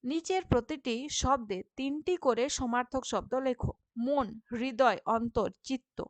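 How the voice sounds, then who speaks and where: Woman teacher, high voice, patient classroom explaining, dry close sound. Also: no echo. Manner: patient, checks understanding with frequent "okay?"; sounds out syllables slowly, repeating words. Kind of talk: classroom lesson explaining textbook answers.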